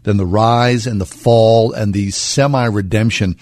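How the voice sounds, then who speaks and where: A man with a lower voice hosts a casual radio talk segment. He rambles along with frequent fillers and restarts. The studio sound is close and dry. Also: fairly even intonation, measured pace, darkish tone, dry recording. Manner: rambling, hesitant with many fillers. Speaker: radio show host.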